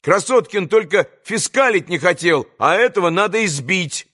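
A man's voice: high voice, expressive, moderate pace, bright, forceful tone, pitched above the performer's own voice, exaggerated voice. A man voicing an angry young boy in a red shirt, with an irritated childish voice.

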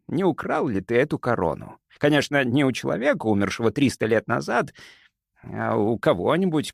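A man voicing a sly, smooth-talking older male doctor who speaks softly and stays unflappable. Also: mid-range voice, no echo, studio quality. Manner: soft, sweetly calm, unflappable.

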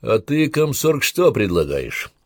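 A man voicing a gruff army captain in command, who talks in stern, clipped orders. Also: mid-range voice, sing-song, measured pace, darkish tone, no echo, studio quality, pitched above the performer's own voice. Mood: lecturing. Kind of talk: audiobook character reading.

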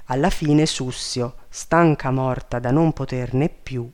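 A narrator reading a fairy tale aloud in a measured, even manner. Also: medium pitch.

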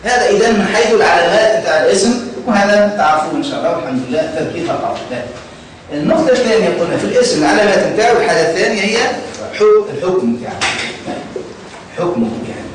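A man's voice: sits high, expressive, rapid-fire, a crowd in the background. A man with a Tunisian Arabic accent teaching a grammar lesson to a class, often stopping to ask whether they follow. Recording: echoey classroom, mic far off.

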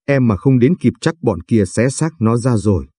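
A man's voice: medium pitch, lively intonation, moderate pace, dark tone, slightly rough, no echo, studio quality. A man voicing a tough, foul-mouthed young woman who scolds and threatens, in an audiobook reading. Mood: scolding. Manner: coarse, threatening, bossy.

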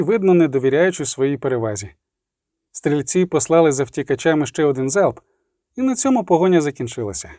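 A man's voice: on the high side, dark tone, dry recording. A man narrating an audiobook with a vivid, dramatic reading on a close studio mic.

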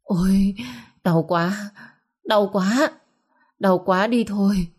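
A woman's voice: medium pitch, takes it slowly, a little mellow, slightly rough, pitched above the performer's own voice. A woman voicing an elderly first wife who groans and whimpers in pain. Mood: moaning.

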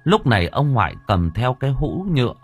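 Husky-voiced man narrating a story. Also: medium pitch, a little fast. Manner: dramatic, lively. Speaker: audiobook narrator. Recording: faint background music.

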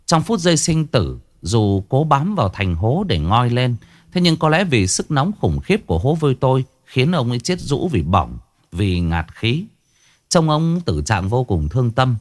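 A man narrating a ghost story as a storyteller, telling it in a dramatic, expressive way. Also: medium pitch, normal speed.

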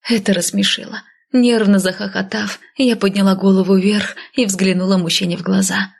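A woman narrating a first-person fantasy audiobook. She voices a headstrong heroine lively and dips into whispers. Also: mid-range voice, moderate pace, creaky.

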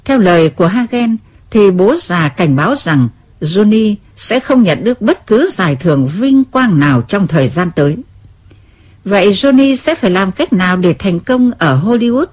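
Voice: mid-range voice, lively intonation, moderate pace, a little mellow. An audiobook announcer giving a formal scripted introduction to the next part of a novel.

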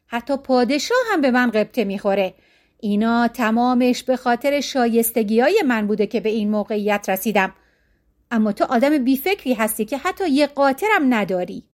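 A woman reading a storybook, voicing an arrogant rich male chief minister who shouts and mocks. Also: on the high side, close to an everyday voice. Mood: scornful. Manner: shouting, mocking, boastful.

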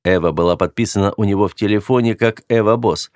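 A man's voice: on the low side, fast, no echo, clean studio sound. A man narrating a first-person audiobook in an earnest, confessional way.

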